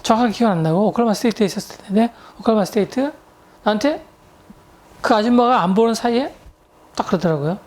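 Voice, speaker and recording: Woman English tutor from Korea, fairly high voice, chatty storytelling lecture style with English words mixed in. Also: animated, fast talker, pauses often, a little mellow.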